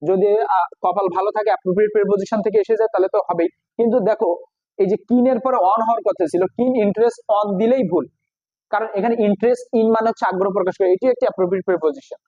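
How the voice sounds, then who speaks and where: A high-voiced man with a Bengali accent teaches English grammar, going slowly through each phrase and pausing often to explain. The recording is dry and slightly dull. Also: no echo. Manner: slow, explains each phrase step by step with many pauses. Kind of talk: exam prep lesson.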